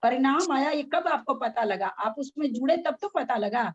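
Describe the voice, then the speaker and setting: A woman's voice: high voice, expressive, moderate pace, dull audio. A middle-aged woman leading a casual spiritual discussion, frank and argumentative, full of rhetorical questions. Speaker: religious discussion leader.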